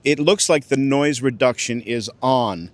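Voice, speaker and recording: A man's voice: medium pitch, a little slow. Man through noise-reduced clip mic, outdoors. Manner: talks straight to viewers, asking for comments. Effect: noise reduction processing on the mic. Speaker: gear reviewer. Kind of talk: casual product-test vlog. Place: outdoors near water. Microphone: wireless clip-on mic on his sweater.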